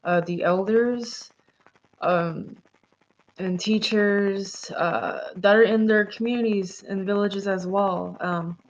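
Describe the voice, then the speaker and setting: A woman's voice: mid-range voice, steady tone, slow. A woman guest heard over a call line, answering in a rambling way full of fillers and self-corrections. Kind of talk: casual interview answers. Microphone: video call. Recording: dull lo-fi call audio.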